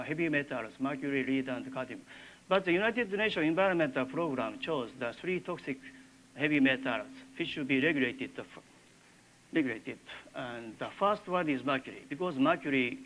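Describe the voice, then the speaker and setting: An older man with a Japanese accent gives a university lecture in halting English, with many filler pauses. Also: medium pitch, a bit bright, a little hiss or hum, poor audio. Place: lecture classroom.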